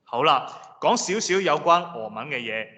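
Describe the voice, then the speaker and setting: Bright-voiced male lecturer in a hall. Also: fairly high pitch, expressive. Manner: patient, explanatory, repeats example words slowly. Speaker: language lecturer. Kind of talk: classroom lecture. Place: lecture room. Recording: reverberant hall, dull lo-fi sound.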